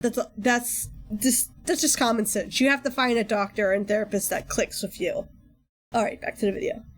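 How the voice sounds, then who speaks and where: A woman's voice: a little high, fairly even intonation, moderate pace, faint music behind. A woman streamer chatting informally and in a rambling way on a livestream while reacting to videos. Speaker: streamer, VTuber host.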